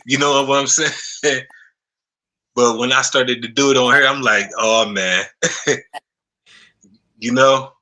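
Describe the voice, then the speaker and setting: A man in his thirties hosting a podcast interview, talking casually and haltingly, often repeating words and saying "you know what I'm saying.". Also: mid-range voice, fairly even intonation, sharp tone, low-quality recording. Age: 30s. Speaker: podcast host.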